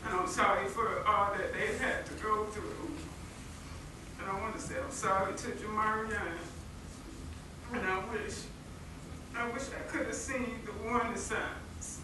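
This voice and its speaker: A woman giving a defendant's allocution to a court, halting and apologetic, repeating herself as she goes. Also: medium pitch. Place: large courtroom, standing away from the microphone. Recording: distant, echoey, noisy courtroom recording.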